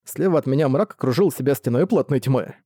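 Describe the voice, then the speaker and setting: A man narrating a first-person novel as an audiobook reader, steady and even. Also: mid-range voice, quick pace, no echo, studio quality.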